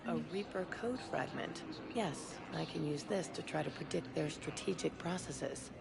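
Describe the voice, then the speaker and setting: An actor playing a brisk, decisive military officer in a video game, clipped and authoritative. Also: male voice, a little high, vocal fry, very noisy. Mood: urgent, decisive. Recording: loud music behind.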